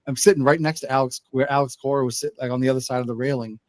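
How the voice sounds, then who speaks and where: Man, mid-pitched voice, rambling animated storytelling, dry close sound. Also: racing, dry recording. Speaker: co-host telling a story. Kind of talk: casual chat.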